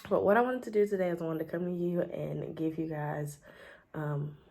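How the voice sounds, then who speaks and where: This woman's voice is deep and steady at a moderate pace, with a darkish tone roughened into a stuffy scratchiness by a cold. She's a homestead gardening vlogger showing off her things at her home table in a casual, chatty way, with plenty of ums.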